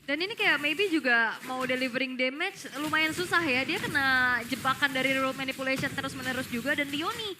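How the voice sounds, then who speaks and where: An Indonesian woman commentates a live esports match in a very high voice. She drops English terms into her calls. Clear background noise from the match sits behind her. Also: animated, a little fast. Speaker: esports caster.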